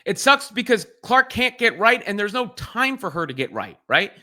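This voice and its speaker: A male sports commentator reacting on his own, earnest and thinking aloud, with frequent restarts. His voice sits high and rings bright and forward. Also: very animated, normal speed. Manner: earnest, repeats and restarts phrases while thinking.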